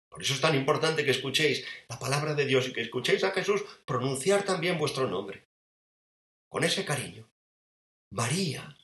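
Spanish preacher in an echoey room. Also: male voice, medium pitch. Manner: tender storytelling, lively swings between soft and emphatic. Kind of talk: sermon.

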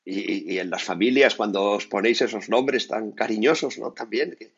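Gravelly husky priest, lively spoken meditation. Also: male voice, fairly low pitch, moderate pace, lo-fi sound. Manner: conversational, frequent tag questions, lively asides.

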